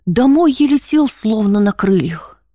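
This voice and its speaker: A woman reading a first-person story aloud in a measured, expressive way. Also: a little high, no echo, studio quality.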